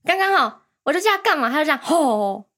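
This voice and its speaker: A woman's voice: extremely high pitch, lively intonation, racing, pushed and bright. A young woman co-hosting a casual couple's podcast, teasing and playfully complaining. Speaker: podcast co-host.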